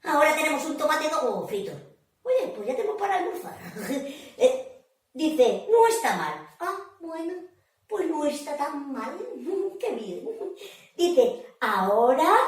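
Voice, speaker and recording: A children's storyteller performs lively tales in a public library room, playful and dramatic, often quizzing her young audience. Her high voice swings widely in pitch, runs a bit slow, and leaves long pauses, captured from afar in a very echoey space.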